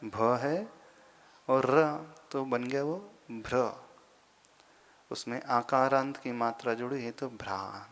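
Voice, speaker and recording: A man, a monk teaching Sanskrit verse pronunciation, patiently repeating syllables slowly and deliberately. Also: medium pitch. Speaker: Jain monk teaching scripture recitation. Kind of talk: slow explanatory lesson on Sanskrit pronunciation.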